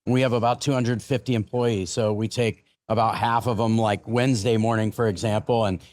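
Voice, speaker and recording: An American man speaking as a business guest in a podcast interview, explaining things with halting, repeated words. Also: fairly low pitch, steady tone, a little mellow.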